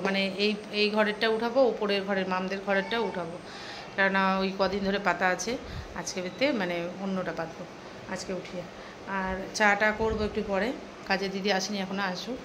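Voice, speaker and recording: A middle-aged woman chatting softly and a little tiredly in a casual home vlog, rambling along with fillers. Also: medium pitch, flat delivery, brisk, background noise. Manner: soft-spoken, rambling, trails off with fillers. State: tired and thirsty from the heat. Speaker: home vlogger. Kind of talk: casual daily-life vlog chat.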